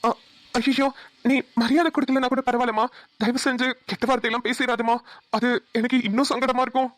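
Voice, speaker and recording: A woman voicing a patient young husband in a cartoon, speaking softly and apologetically. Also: a little high, steady tone, fairly quick, no room sound, lightly acted. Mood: coaxing. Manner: soft, coaxing, apologetic. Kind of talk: cartoon voice acting.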